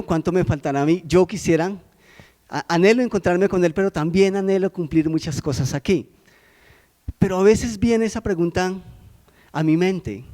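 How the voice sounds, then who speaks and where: A man's voice: high voice, warm tone. A man preaching a conversational sermon, often asking his listeners questions and checking in with short prompts. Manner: asks the congregation frequent rhetorical questions.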